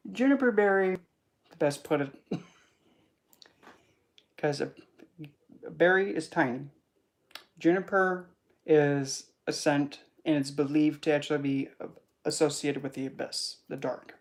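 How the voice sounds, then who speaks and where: A spiritual teacher giving a casual esoteric teaching talk at a middle pitch. The delivery is rambling and chatty, with animated asides. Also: a little slow, pauses often.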